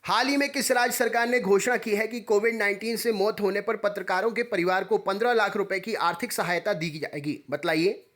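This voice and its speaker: A man with a light, high voice runs through exam quiz questions one by one, using the same brisk, repetitive phrasing each time. His fairly bright tone suggests a coaching teacher recording a close-mic voice-over.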